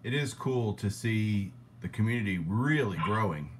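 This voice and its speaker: A man with a fairly low voice hosts a casual live stream, friendly and easygoing as he greets viewers by name between questions. Faint noise hangs under his voice. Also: animated, normal speed. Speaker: host of a live stream show.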